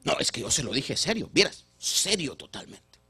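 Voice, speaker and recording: A man voicing a smug fellow bragging that his lie was believed, in a husky voice. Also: mid-range voice, very animated, moderate pace, sharp tone, heavily acted.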